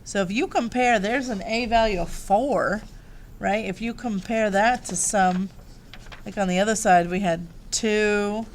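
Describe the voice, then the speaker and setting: A woman's voice: mid-range voice, unhurried. Woman, math teacher, classroom lesson, upbeat, faint noise behind. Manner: upbeat, talks the class through each step.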